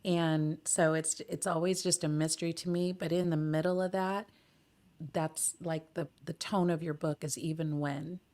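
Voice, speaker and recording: A woman hosting a casual conversational interview, her voice hoarse and croaky like a frog from a respiratory illness, talking in an earnest, chatty way. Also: low voice, steady tone, moderate pace, darkish tone. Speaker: podcast host.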